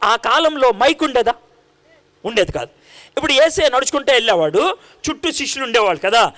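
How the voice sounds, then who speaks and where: A man's voice: very high-pitched, animated, brisk, pushed and bright. A man preaching a sermon, telling the story animatedly, acting out the dialogue and putting questions to his congregation.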